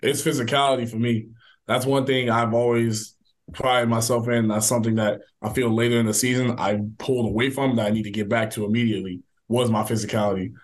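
A young man, a college football player, answering interview questions in a relaxed, casual way full of fillers. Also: mid-range voice. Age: young adult. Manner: relaxed, filler-heavy, quick talk.

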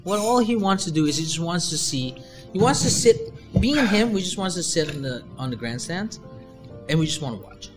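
Animated, rambling man chatting. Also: brisk, over music. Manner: animated, rambling, jumps in pitch when excited. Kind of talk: casual chat.

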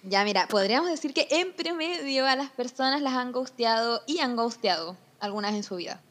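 A woman's voice: fairly high pitch, animated, fairly quick, slight background noise. A young woman with a Chilean Spanish accent co-hosting a casual podcast, explaining ideas and laughing often. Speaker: podcast co-host.

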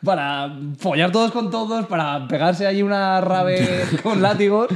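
A man's voice: high-pitched, normal speed. A man from Spain telling an anecdote in a casual podcast chat, acting out the dialogue and laughing often. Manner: animated storyteller, acts out dialogue, laughs often. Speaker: podcast host.

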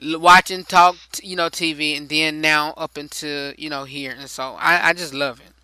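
A man's voice: a little high, steady tone, moderate pace, bright, forceful tone, clean tone, no echo, low-quality recording. A man hosting a talk show in a casual interview, chatty and rambling and often restarting his sentences.

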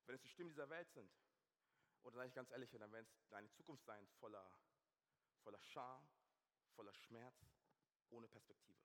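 A man preaching a sermon, shifting from hushed intensity to loud, animated storytelling. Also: mid-range voice, moderate pace, long pauses. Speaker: pastor. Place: church hall. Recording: long church hall reverb.

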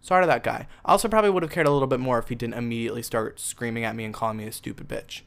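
Young male vlogger, rambling casual chatter, smooth clear voice. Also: medium pitch, rapid-fire, a bit bright. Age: young adult. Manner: chatty, rambling, lots of fillers like "like" and "you know what I mean". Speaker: musician vlogger. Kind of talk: casual storytime vlog.

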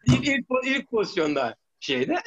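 High-pitched man telling old stories. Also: big pitch swings, unhurried, husky, highs cut off. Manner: rambling, frequent restarts and "tamam mı?". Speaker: former footballer guest. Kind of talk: casual storytelling interview.

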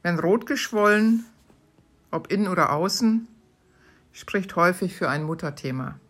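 A woman hosting her podcast, reading short questions aloud from her own book in a calm, measured way. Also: on the low side. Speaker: podcast host.

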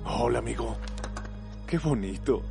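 Guy talking to his dog in a movie trailer, creaky voice, music behind. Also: medium pitch, animated, unhurried. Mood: cooing, friendly. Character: man sweet-talking a dog, Spanish film dub. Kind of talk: dubbed thriller film trailer.

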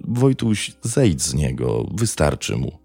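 Guy voicing a young man smoothing things over, placating, gravelly low voice. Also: very animated, takes it slowly, warm tone, no room sound, soft background music, exaggerated voice. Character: young man trying to calm a fight.

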